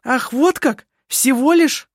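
Reader doing a shrill young woman, high and lively, furious, dry close sound. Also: brisk, dry recording, natural voice. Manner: shrill, accusing, shouting. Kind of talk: audiobook character voice.

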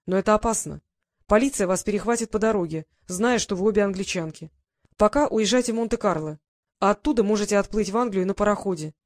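A woman reading the lines of an urgent, blunt young English gentleman in an audiobook, in a pressing, hurried manner. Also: medium pitch, dry recording, clean studio sound, natural voice.

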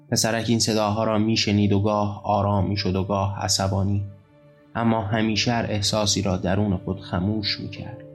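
A man reads his own novel aloud, low in pitch and keeping a flat, level delivery throughout. Faint music sits underneath the narration. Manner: even, measured literary reading. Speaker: author and narrator. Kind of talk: audiobook narration.

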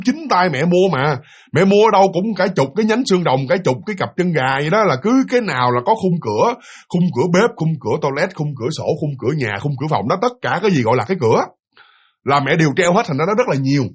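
Fast-talking husky storyteller man. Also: on the high side. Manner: animated, chatty, addresses listeners directly. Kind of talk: spoken ghost story narration.

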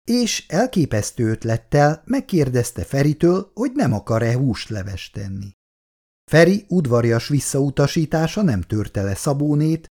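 A man reading a novel aloud in an expressive way. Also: medium pitch. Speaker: reader.

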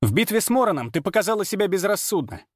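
A man's voice: sits high, very animated, fast talker, no echo, clean studio sound, pitched above the performer's own voice. A man reading aloud and voicing a blunt, self-assured young hunter who speaks matter-of-factly. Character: cocky young male hunter, blunt and confident.

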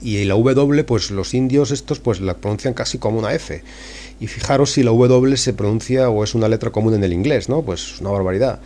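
A man's voice: lowish voice, fairly quick, mellow, a little hiss or hum. A middle-aged man from Spain with a Spanish accent, talking through a casual, rambling lesson as a podcast host, full of fillers and tag questions. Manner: chatty, digressive, many tag questions and fillers. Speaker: podcast host and English teacher.

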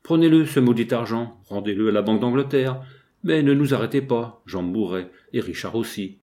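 A man's voice: medium pitch, animated, normal speed, mellow, lightly acted. A man voicing a desperate pleading wife. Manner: tearful imploring. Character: desperate pleading wife of a poor bank clerk. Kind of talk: audiobook character reading.

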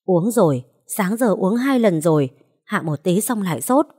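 A woman's voice: medium pitch, animated, normal speed, warm tone, breathy edge. A woman voicing a frantic, tearful old grandmother who pleads and coaxes. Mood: pleading.

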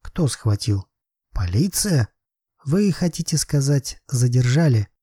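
A man's voice: mid-range voice, slow, slightly rough, no room sound, full character voice. A man reading an audiobook voices a composed woman private detective who speaks politely and with dry irony. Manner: calm, polite, slightly ironic.

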